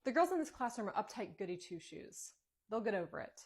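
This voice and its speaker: A woman's voice: mid-range voice, big pitch swings, brisk, darkish tone, breathy edge, voice pushed up. A woman playing an entitled school mom who talks in a demanding, indignant way.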